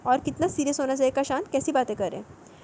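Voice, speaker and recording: A woman's voice: high-pitched, warm tone, slight background noise. A woman voicing a shy young newlywed wife who protests bashfully.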